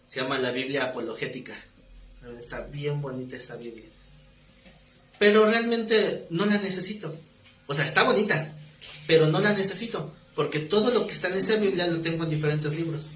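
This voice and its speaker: A man's voice: on the high side, fairly quick, fairly bright tone. A man preaching a teaching sermon in a conversational way, asking his listeners questions. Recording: echoey room, faint noise.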